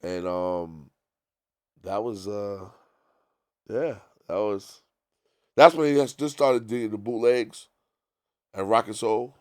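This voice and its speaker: Low-voiced New storyteller. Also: male voice, takes it slowly, pauses often, clean tone, no room sound, studio quality. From New York. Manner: animated, profane, full of quoted dialogue. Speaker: guest DJ. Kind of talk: casual storytelling.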